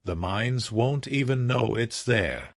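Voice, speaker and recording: A man's voice: medium pitch, expressive, takes it slowly, creaky, no echo, exaggerated voice. Guy reading a stubborn middle-aged fisherman, firm, short answers, dry mic. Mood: resolute. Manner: firm, clipped.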